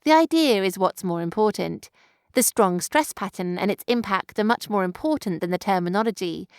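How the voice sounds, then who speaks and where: A woman, explaining a poem clearly and engagingly in a scripted tutorial. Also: mid-range voice, animated, moderate pace, darkish tone, dry recording. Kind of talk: scripted educational narration.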